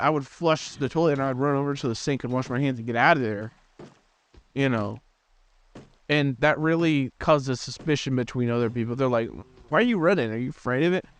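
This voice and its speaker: A teenage boy hosting a gaming channel, telling a rambling, self-deprecating story in casual chat with lots of restarts. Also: mid-range voice. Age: teens.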